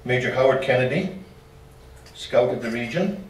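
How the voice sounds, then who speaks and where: A man's voice: mid-range voice, unhurried, a little hiss or hum. A man giving a slide-show history talk to a club, folksy and dropping joking asides. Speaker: local history presenter. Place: meeting room. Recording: roomy hall from far off.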